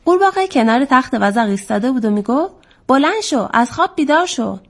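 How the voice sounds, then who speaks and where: Woman playing a sweet calm frog, short gentle answers, a bit high. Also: exaggerated voice. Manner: gentle, reassuring, brief replies. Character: calm loyal little frog friend.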